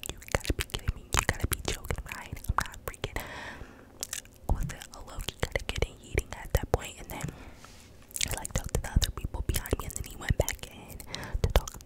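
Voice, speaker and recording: A woman's voice: fairly quick, rough recording. A young woman whispering a casual, rambling ASMR story time in slangy speech, very close to the microphone. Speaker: ASMR creator telling a personal story.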